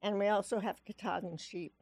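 A woman's voice: mid-range voice, steady tone, fairly quick, a little mellow, slightly rough. A woman who owns a farm, a cheerful, upbeat guest on a radio show, still in her morning voice. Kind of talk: casual radio interview.

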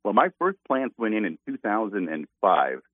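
A man's voice: on the low side, big pitch swings, normal speed, no echo. A man from north central Iowa, a hazelnut farmer talking in an easygoing way on a radio interview, with many "uh" fillers. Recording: tinny phone line.

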